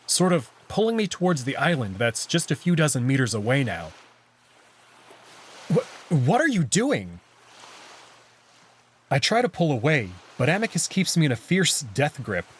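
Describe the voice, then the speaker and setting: A man with a husky, mid-range voice narrates a first-person visual novel story with lots of expression.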